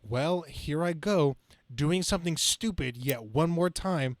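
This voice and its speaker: A man acts out a brash young comic-book superhero full of flippant quips. The voice sits a little high and is recorded fairly dry. The reading is amateur and stumbles now and then. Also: measured pace, no room sound. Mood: flippant, wisecracking. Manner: flippant, quippy, stumbling over the script.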